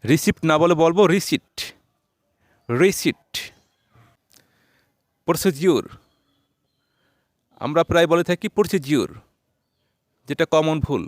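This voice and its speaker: A man's voice: on the high side, animated, fairly quick, dry recording, studio quality. A man teaching English pronunciation, quizzing a helper and repeating each word twice. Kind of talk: classroom-style pronunciation lesson.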